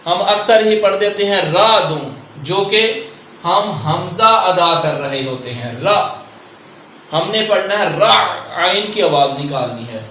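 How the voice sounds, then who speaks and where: A man teaching a Quran recitation lesson, explaining pronunciation and chanting verses slowly and drawn out. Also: high voice, lively intonation, pushed and bright. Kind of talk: tajweed lesson with slow recitation. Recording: very echoey, distant mic with faint noise.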